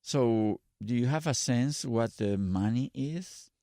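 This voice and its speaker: A man whose first language is Spanish hosts a casual podcast interview in a dry, close-miked studio sound. His voice sits at a middling pitch, and he gropes for words in short restarts. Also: takes it slowly, dark tone, no echo. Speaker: podcast host.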